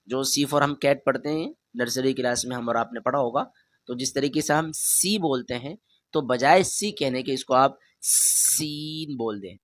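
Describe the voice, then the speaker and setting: In a patient beginner's Quran lesson, a medium-voiced man goes letter by letter, calling out each sound loudly and drawn out. He speaks directly to the learner, asking them again and again to say it back, recorded dry and up close with no echo.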